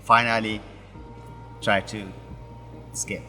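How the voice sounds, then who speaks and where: Brief: middle-aged Ethiopian-born male pastor, halting and restarting, bright tone, long room reverb under faint music. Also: fairly low pitch, little pitch movement. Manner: halting, broken English with many restarts. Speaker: pastor, interview guest. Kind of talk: personal story in an interview.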